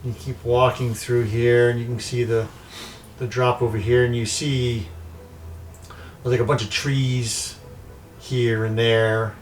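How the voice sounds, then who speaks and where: A man's voice: medium pitch, little pitch movement, takes it slowly, long pauses, a little hiss or hum, low-quality recording. A man narrating as game master in a tabletop game, describing scenes loosely with many fillers. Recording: mic set back, faint music.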